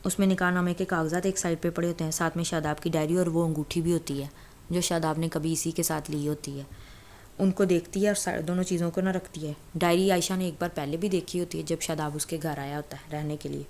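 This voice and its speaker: A woman's voice: deep voice, darkish tone. A woman casually retelling a novel's plot as a storyteller, talking in a loose conversational way with fillers and restarts.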